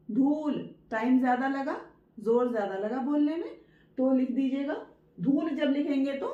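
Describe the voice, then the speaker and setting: A woman with a high, bright-pitched voice teaches a writing lesson in a patient, repetitive way. She stretches words out slowly, one syllable at a time. The sound is roomy and a little dull. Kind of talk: Hindi dictation lesson.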